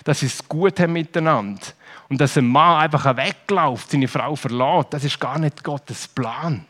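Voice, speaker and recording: A man speaking, his voice sitting somewhat high. He gives a children's sermon as a lively storyteller. He keeps turning questions back to his young listeners. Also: normal speed. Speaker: preacher.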